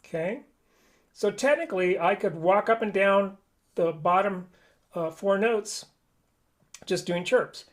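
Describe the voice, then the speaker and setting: A man's voice: sits high, takes it slowly, pauses often. Patient man teaching flute online. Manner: patient, step-by-step explaining. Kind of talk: live online instructional lesson.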